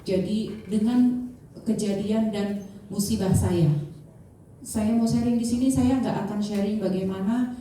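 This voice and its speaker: A woman in her fifties, an insurance agent, gives a motivational sharing talk in an echoey hall, chatting warmly with many fillers and posing warm-up questions to the crowd. Her medium-pitched voice is steady and measured, with long pauses, slight background noise, and a distant mic that picks up heavy room echo.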